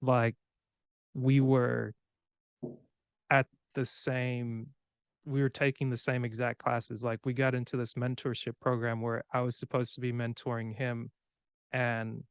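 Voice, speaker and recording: A young man from Cameroon, raised in the United States, hosting a podcast in a relaxed, rambling way. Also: mid-range voice, measured pace, clear, resonant tone, dry recording, clean studio sound. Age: young adult. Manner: relaxed, rambling, with filler words and laughs. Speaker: podcast host. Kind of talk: casual conversation.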